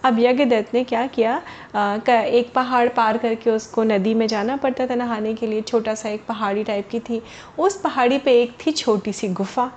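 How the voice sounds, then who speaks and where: A woman's voice: fairly high pitch, steady tone, moderate pace, a little mellow, slight background noise. A woman storyteller narrating a moral tale to children in a chatty manner, speaking directly to the young listeners. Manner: chatty, addresses listeners as kids. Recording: dull lo-fi recording.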